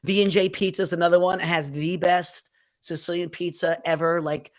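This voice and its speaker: A man's voice: high voice, fairly even intonation, brisk. Podcast guest, man, easygoing, rambly, jokey. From New Jersey. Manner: rambling, playful exaggeration. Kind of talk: casual chat.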